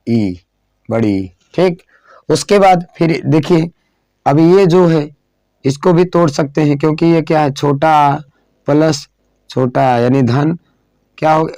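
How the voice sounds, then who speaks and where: A man teaching a lesson, slowly repeating phrases and asking questions that he then answers himself, sometimes drawing words out as he writes on a board. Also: on the high side, dark tone, no room sound. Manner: drawn-out dictation while writing on a board. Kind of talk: classroom lesson.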